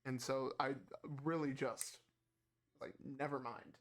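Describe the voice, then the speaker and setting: A man's voice: medium pitch, fairly even intonation, takes it slowly, a bit bright. A man co-hosting a casual gaming podcast, rambling with lots of fillers and restarts. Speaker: podcast co-host.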